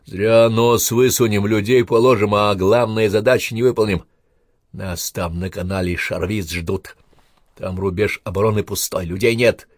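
A stern, gruff army captain, played by a man reading aloud speaks in clipped orders. The voice sits low and a little husky. The recording is close and dry. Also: steady tone, normal speed, dry recording, natural voice. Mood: lecturing. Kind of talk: audiobook character reading.

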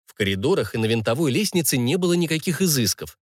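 A man's voice: mid-range voice, very animated, fast, no echo. A man narrating a fantasy audiobook in the first person, with a wry, ironic storytelling manner, recorded on a close mic.

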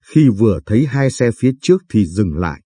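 Low, husky male storyteller. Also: big pitch swings, brisk, warm tone, no room sound, clean studio sound. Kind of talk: scripted first-person narration.

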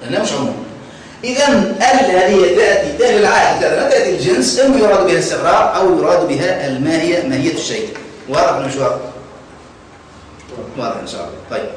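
High-voiced Tunisian teacher in an echoey classroom. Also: male voice, animated, very fast, slight background noise. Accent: Tunisian Arabic. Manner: keeps asking the class if they follow. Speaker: Arabic grammar teacher. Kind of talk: classroom lesson. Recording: echoey classroom, mic far off.

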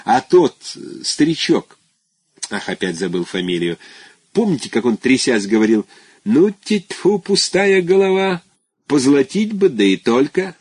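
Audiobook role: man doing a gushing, chatty schoolmate, husky voice, dry close sound, lively exclaiming lilt. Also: medium pitch, unhurried, no echo, pitched above the performer's own voice. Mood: effusive. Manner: effusive, exclaiming, rambling memories. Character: chatty nostalgic former classmate, adult man. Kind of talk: audiobook character voice.

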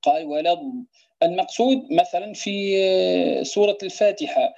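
A woman gives a recitation lesson, patiently explaining each rule and repeating example words slowly to show how they should sound. Her voice is mellow and somewhat husky. The recording is dull and lo-fi. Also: fairly low pitch, expressive. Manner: demonstrates pronunciations by repeating words slowly, asks "clear?". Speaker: Quran recitation teacher. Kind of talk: tajweed lesson explaining verse.

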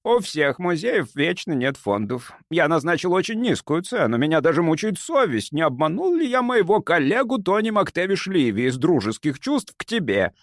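A man voicing a sly, smooth-talking older male doctor who speaks softly and stays unflappable. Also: fairly high pitch, normal speed, few pauses, dry recording, studio quality, pitched above the performer's own voice. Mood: calmly bargaining. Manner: soft, sweetly calm, unflappable.

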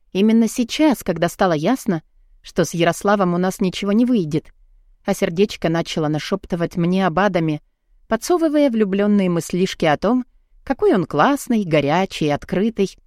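A woman narrating a first-person audiobook, expressive and emotional. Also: lowish voice, no room sound, clean studio sound.

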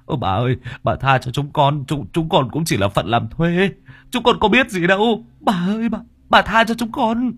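A man's voice: high voice, moderate pace, a bit bright, slightly rough, pitched above the performer's own voice, exaggerated voice. A man voicing frightened male construction workers who plead in a whiny way.

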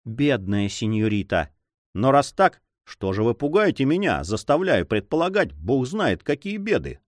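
A man voicing an old female duenna who sighs, grumbles and fusses in a high voice. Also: very animated, moderate pace, dry recording, clean studio sound, natural voice. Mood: grumbling. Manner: sighing, fussy, grumbling.

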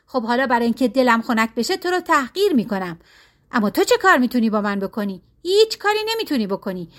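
A woman's voice: a little high, big pitch swings. Woman voicing a boastful, scornful chief minister. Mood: gloating. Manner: shouting, mocking, boastful. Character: arrogant rich male chief minister, scornful.

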